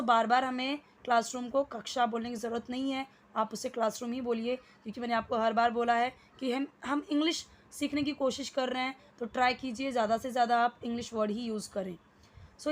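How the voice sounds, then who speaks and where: A woman teaching an English lesson, slowly explaining and repeating example sentences for beginners. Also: fairly high pitch. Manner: slow, repetitive explaining, drilling example sentences. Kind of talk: spoken English lesson in Hindi.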